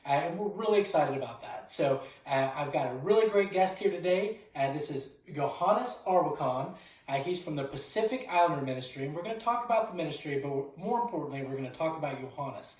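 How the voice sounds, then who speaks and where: A man's voice: fairly high pitch, expressive, brisk, darkish tone. A man hosting an interview, friendly and upbeat, laughing easily between questions. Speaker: interview host. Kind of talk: casual interview. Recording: echoey room, voice far from mic.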